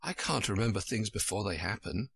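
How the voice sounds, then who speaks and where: A man's voice: lowish voice, lively intonation, brisk, gravelly, fairly bright tone, husky, no echo, exaggerated voice. A man voicing a polite, earnest young storybook girl who questions things in a puzzled, proper way. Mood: astonished, curious.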